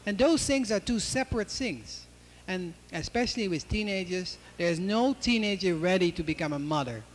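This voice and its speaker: A man in his fifties with a fairly high voice explains things plainly as a doctor, speaking into a handheld mic. A faint hiss sits under his words from an old studio video recording. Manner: frank, plain-spoken, instructive. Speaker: doctor answering audience questions. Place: indoor TV studio with seated audience.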